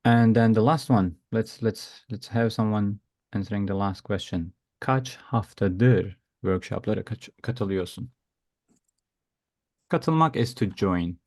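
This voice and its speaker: In an online video class, a man teaches an interactive language lesson, explaining and giving examples while encouraging and praising his students. His pitch is fairly low, his pace slow, his tone somewhat dark, and there's no room sound.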